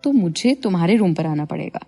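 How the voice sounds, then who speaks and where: A woman's voice: on the low side, expressive, brisk, dark tone, husky, faint music behind. A woman voicing a young male college student who talks in a casual, slightly surprised way.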